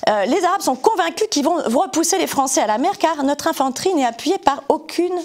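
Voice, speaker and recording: A woman's voice: sits high, animated, fairly quick, darkish tone. A woman giving a spoken historical account, hesitant with frequent fillers and self-corrections. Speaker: history presenter.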